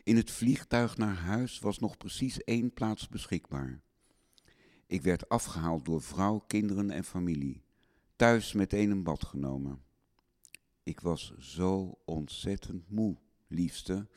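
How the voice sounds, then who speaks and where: Young husband taping a letter to his wife: deep, slow, melancholy and loving. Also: lively intonation, darkish tone. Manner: tender, longing and melancholy. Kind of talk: spoken audio letter on tape.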